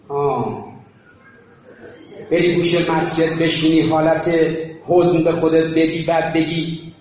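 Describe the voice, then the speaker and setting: A man giving an impassioned sermon that mixes stories with shouted refrains and drops to low, quiet asides. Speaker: religious political speaker. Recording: very echoey, muffled hall recording.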